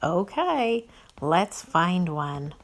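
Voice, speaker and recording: Reading aloud to little kids from a picture book, a woman takes her time and lets her pitch swing with great liveliness. She's expressive and playful throughout, speaking to her audience in a fun, storybook manner.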